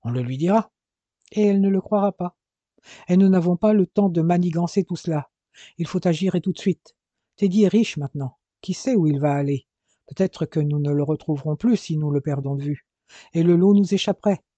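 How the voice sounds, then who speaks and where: A man voicing a vengeful adventurer who growls out his plans in fast, urgent bursts. The voice sits a little high yet sounds very dark and mellow, in a dry, close recording. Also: no echo, highs cut off, close to an everyday voice.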